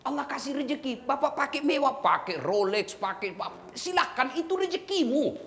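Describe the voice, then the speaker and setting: A very high, sing-song voice with a creaky edge and fairly bright tone carries this sermon at a moderate pace. The speaker, a middle-aged Makassar preacher, is humorous, tells stories, and addresses his audience as "Pak."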